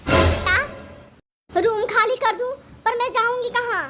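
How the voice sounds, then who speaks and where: A woman's voice: a little slow, loud music behind the voice. Woman voicing a meek, pleading cartoon granny. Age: over 60 (figure). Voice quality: high, bright cartoon voice. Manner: pleading, tearful. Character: frail old mother-in-law, meek and pleading. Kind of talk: cartoon family drama voice acting.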